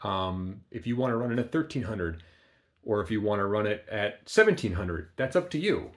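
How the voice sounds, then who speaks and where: Relaxed man demoing gear, low voice. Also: moderate pace, slight background noise. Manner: relaxed, plain-spoken, frequent ums. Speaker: amplifier builder demonstrating equipment. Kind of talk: casual equipment demo. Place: small workshop indoors.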